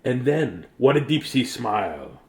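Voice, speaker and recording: A middle-aged host reads a bedtime story for kids, his medium-pitched voice swinging widely in pitch at a measured pace, slightly mellow. He keeps the telling silly and sing-song, pausing for playful asides.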